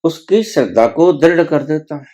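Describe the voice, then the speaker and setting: A man's voice: on the high side, lively intonation, moderate pace, mellow. A man giving a spiritual discourse, reciting scripture verses and explaining them with rising emphasis. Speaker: spiritual teacher.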